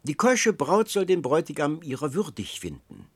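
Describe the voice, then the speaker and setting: A man reading as a gruff, impatient old doge. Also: fairly high pitch, huge pitch swings, moderate pace, dry recording, pitched above the performer's own voice, exaggerated voice. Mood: grand. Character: aged male Venetian doge, gruff and impatient.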